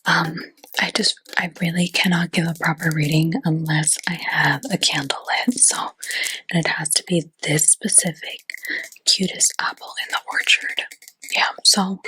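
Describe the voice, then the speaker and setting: A woman's voice: lowish voice, sharp tone, slight background noise, poor audio. A woman whispering in a chatty ASMR roleplay as a fortune teller, with lots of casual fillers.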